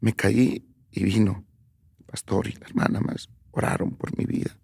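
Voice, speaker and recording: A man giving a personal testimony on the radio, telling his story haltingly and often dropping to a soft near-whisper. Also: on the low side, steady tone, no echo, clean studio sound. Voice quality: creaky, husky voice.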